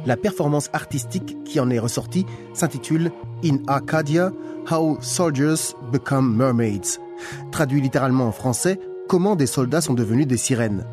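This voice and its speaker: A man hosting a radio magazine, reading a scripted news narration in a measured, formal way. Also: medium pitch, expressive, music in the background.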